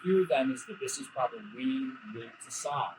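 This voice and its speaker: A man's voice: mid-range voice, expressive, moderate pace, background noise. A middle-aged man talking as a guest inside a car, earnest and repeating words as he thinks. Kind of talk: casual chat.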